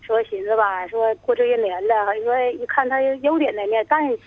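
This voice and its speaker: Calling a radio program about her troubles, a fiftyish woman with a slightly high voice speaks haltingly, rambling and tripping over her words. Crowd noise can be heard behind her on the tinny, dry telephone line.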